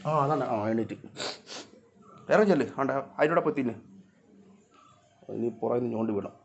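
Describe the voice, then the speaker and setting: A man filming a casual vlog, talking to his cats, coaxing them and now and then scolding them in loud, high calls. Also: moderate pace, gravelly, lo-fi sound. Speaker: vlogger. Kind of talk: casual vlog talk to camera and pets.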